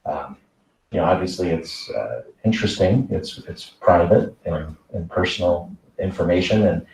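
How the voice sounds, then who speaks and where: A man, a school superintendent presenting a report at a board meeting, measured and full of fillers. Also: low-pitched, darkish tone, slight background noise. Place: meeting room. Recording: echoey room, voice from a distance.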